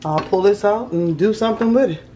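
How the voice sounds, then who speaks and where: A woman's voice: medium pitch, brisk, warm tone, slight background noise. A woman with a New Orleans accent, casually walking through a home recipe in a kitchen, easygoing and folksy. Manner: easygoing, folksy, repeats herself. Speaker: home cook teaching a recipe. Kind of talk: casual cooking demonstration.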